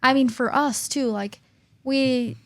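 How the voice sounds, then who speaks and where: A woman's voice: sits high, fairly even intonation, slow. A woman in her early twenties co-hosting a podcast, talking in a chatty, thoughtful way with many fillers. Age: early 20s. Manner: chatty, thoughtful, uses "literally" and "like" often. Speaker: podcast co-host. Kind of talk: casual chat.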